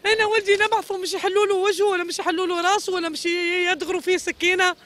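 A woman's voice: very high-pitched, level tone, racing, a bit bright. A middle-aged woman with a Tunisian Arabic accent giving a pleading street interview, repeating her phrases over and over. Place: street outdoors.

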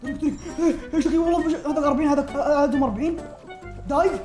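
A young man, streaming a game and reacting frantically, repeating words and laughing and yelling often. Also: extremely high pitch, fairly even intonation, rapid-fire. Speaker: gaming streamer. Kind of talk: frantic gaming commentary. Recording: roomy sound with game music.

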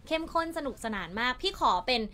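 A woman hosting a radio chat show, prompting her guests in a chatty, fast way. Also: pushed and bright. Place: radio studio.

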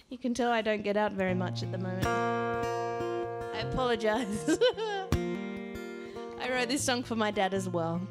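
A woman's voice: mid-range voice, animated, slow, pauses often, loud music behind the voice. Chatty Australian woman between songs. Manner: chatty, self-deprecating, giggly. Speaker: singer-songwriter. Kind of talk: casual stage banter. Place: small rustic barn venue with a live audience. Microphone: vocal mic on a stand.

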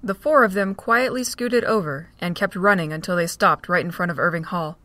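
A woman narrating an amateur audio drama with an even, steady reading. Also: on the low side, a little fast.

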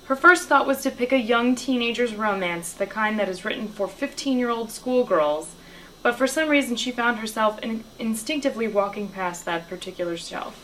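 A woman reading a children's novel aloud, telling the story in a lively way and raising her voice for the characters' lines. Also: normal speed, slight background noise, low-quality recording. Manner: lively storytelling, lifting her pitch for dialogue. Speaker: reader.

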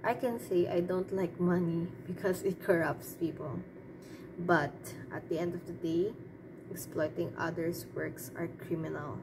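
A woman's voice: on the low side, steady tone, unhurried. A woman giving her opinions in a casual, off-the-cuff monologue, hesitant and rambling as she thinks aloud. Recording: clearly noisy background.

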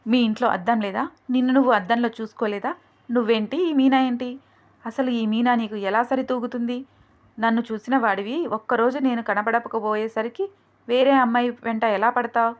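A woman doing a jealous, sharp-tongued young woman. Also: fairly high pitch, steady tone, moderate pace, muffled recording, close to an everyday voice. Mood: angry taunting. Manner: scolding, taunting.

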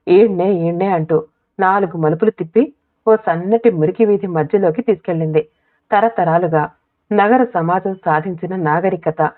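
A woman narrates a short story in a steady, measured way. Her voice sits fairly low. The sound is thin and phone-like, as if heard down a telephone line. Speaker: audiobook narrator. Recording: tinny phone-like audio.

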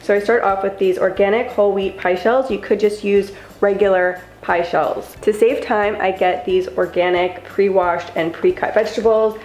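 A woman's voice: mid-range voice, fairly even intonation, moderate pace, hardly any pauses, darkish tone, roomy sound. A young woman vlogger talking through her cooking steps in a chatty, upbeat voice-over. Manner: upbeat, chatty, step-by-step instructions. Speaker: lifestyle vlogger. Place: home kitchen.

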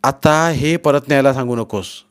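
A man's voice: mid-range voice, normal speed, smooth, pitched above the performer's own voice, natural voice. A male narrator voicing a generous brother who insists on helping his sister, in a raised, persuading voice. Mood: insistent.

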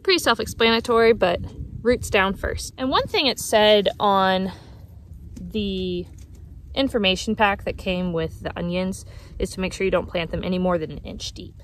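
Speaking at a moderate pace in a medium-pitched voice, this thirtysomething woman talks through her gardening work in a relaxed, explanatory way for her outdoor vlog. Outdoor noise can be clearly heard behind her.

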